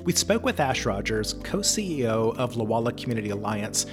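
A man reading scripted narration for a news feature in a smooth, polished way. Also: mid-range voice, sing-song, moderate pace. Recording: narration over clear background music.

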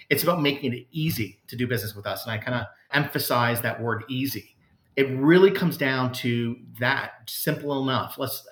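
A man's voice: mid-range voice, a bit bright, roomy sound. A man, a customer service executive, answering interview questions in an earnest, conversational way with frequent fillers and restarts.

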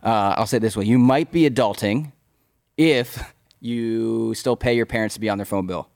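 A young man hosts a podcast conversation, relaxed and encouraging, moving the talk from one topic to the next. His voice sits on the low side. The sound is dry and close. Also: moderate pace, creaky, no echo. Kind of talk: casual chat.

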